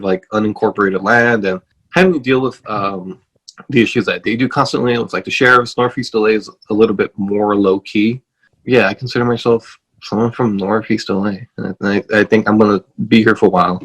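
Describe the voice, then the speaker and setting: A man's voice: fairly low pitch, low-quality recording. A man from Los Angeles, a guest on a podcast, talking casually over a video call and rambling with many fillers and restarts. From Los Angeles, USA.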